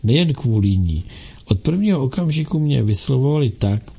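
Guy reading a novel aloud, dark mellow voice, kinda husky. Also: medium pitch, very animated. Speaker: audiobook narrator.

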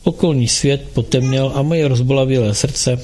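A man reading a first-person audiobook narration in a slow, somber, measured way. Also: mid-range voice, darkish tone. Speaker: audiobook reader.

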